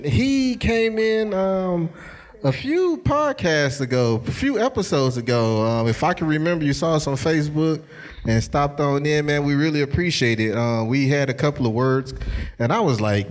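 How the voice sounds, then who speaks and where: A man hosting a casual podcast from a studio room, laid-back and joking, often dropping "man" into his sentences. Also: on the high side. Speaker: podcast host.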